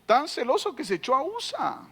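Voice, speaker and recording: A man's voice: extremely high pitch, big pitch swings, a little fast, bright, forceful tone. A man preaching a sermon as pastor, emphatic and full of repeated rhetorical questions.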